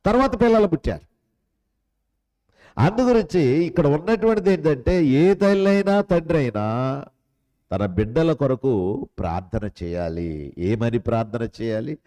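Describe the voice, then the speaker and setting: A man preaching a sermon as pastor. He asks many rhetorical questions and swings between loud, high lines and soft, low ones. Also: expressive, moderate pace, long pauses, low-quality recording.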